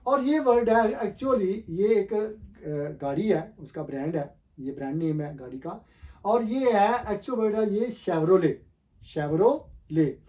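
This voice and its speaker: Man, pronunciation teacher, warm low-toned voice, quizzes and repeats answers, slow and deliberate, pauses to think. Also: lively intonation. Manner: asks the viewer questions, then repeats the answers. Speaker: language teacher. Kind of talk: explaining a pronunciation lesson.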